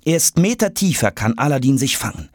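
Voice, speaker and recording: A man narrating a children's audiobook in an expressive, dramatic way. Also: medium pitch, brisk, no room sound, studio quality. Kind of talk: scripted storybook narration.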